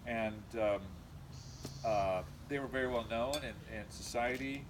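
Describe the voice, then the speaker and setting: A middle-aged man from California with an American accent, giving an informal eulogy in a halting, reminiscing way with frequent pauses. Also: medium pitch. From California, USA. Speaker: eulogist, nephew of the deceased. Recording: noisy amateur recording, steady background noise.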